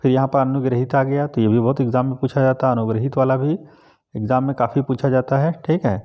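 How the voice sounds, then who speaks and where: A man's voice: medium pitch, steady tone, quick pace, warm tone. Methodical male Hindi tutor. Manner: methodical, repeats each correct form with "ठीक है". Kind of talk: spelling correction lesson.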